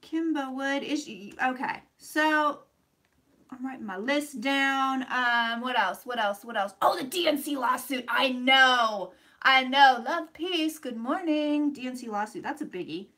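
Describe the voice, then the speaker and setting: Bright, high-voiced woman chatting on livestream. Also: unhurried. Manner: playful, sweary, effusive greetings; rambling, thinking aloud. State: slightly congested after flu. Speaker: livestream host doing psychic readings. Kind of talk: casual livestream chat.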